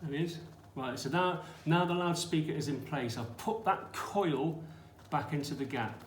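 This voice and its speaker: A man with a fairly high voice speaks at a moderate pace, leading a hands-on science demo in a casual, explanatory style. He keeps checking that listeners are following by tossing in short questions. It's recorded indoors in an echoey room with faint background noise.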